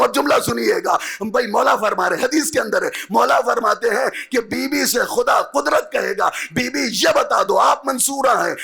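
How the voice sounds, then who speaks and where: A man delivers a stirring religious sermon in a strikingly high voice with a rough, gravelly texture. He declaims loudly, sliding into sung, chanting lines and acting out quoted speech. The husky grain stays under every phrase. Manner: breaks into dramatic quoted dialogue. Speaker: preacher. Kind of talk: impassioned majlis sermon.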